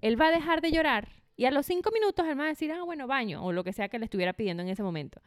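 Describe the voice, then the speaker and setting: A woman in her thirties co-hosting a casual chat podcast, lively and expressive, often laughing. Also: sits high, racing, smooth, no room sound, studio quality. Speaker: podcast co-host.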